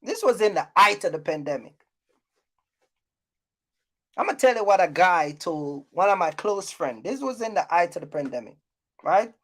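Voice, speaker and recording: A woman with a lowish, sing-song voice hosts an unscripted YouTube vlog offering trucking business advice. She talks at a moderate pace with long pauses, ranting bluntly at viewers and repeating points to scold them.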